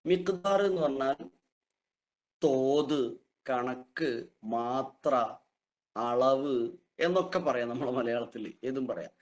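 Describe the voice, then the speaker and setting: Guy teaching quran reading online, real slow, repeats terms over and over. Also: medium pitch, a little mellow. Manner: patient, repeats key terms slowly for students. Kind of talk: online class lecture.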